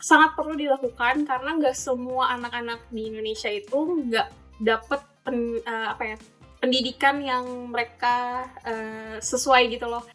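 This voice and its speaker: A woman's voice: on the high side, fairly even intonation, moderate pace, fairly bright tone, soft background music. Casual nineteen-year-old student woman. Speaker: university student volunteer. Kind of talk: casual interview answers.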